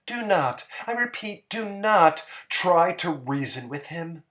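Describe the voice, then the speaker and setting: Guy doing a lady ballerina newsreader, high voice, careful and formal, dramatic story. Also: very animated, fairly bright tone, heavily acted. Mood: grave, urgent. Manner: apologetic, careful, deliberately plain. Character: strong female ballerina reading an urgent news bulletin.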